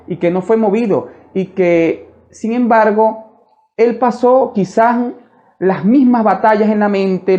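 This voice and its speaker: A man's voice: fairly high pitch, mellow, lo-fi sound. A man preaching a testimony sermon in a fervent way, often addressing listeners as brother.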